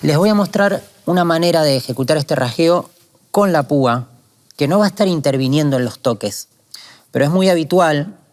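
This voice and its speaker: Calm man teaching guitar technique. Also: medium pitch. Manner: calm, methodical explanation. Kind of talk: explanatory guitar lesson. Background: guitar playing.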